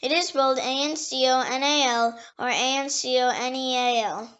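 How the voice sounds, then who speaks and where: A woman reading dictionary entries aloud slowly and carefully, spelling each word letter by letter and sometimes stumbling and restarting a word. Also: high-pitched, fairly even intonation, a bit bright, lo-fi sound. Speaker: dictionary reader.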